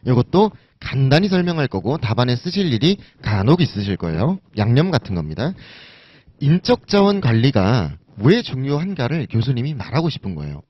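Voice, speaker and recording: A man's voice: mid-range voice, big pitch swings, a little fast. A man teaching an exam-prep lecture, casually asking and answering his own questions. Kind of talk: recorded lecture. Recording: dull lo-fi recording.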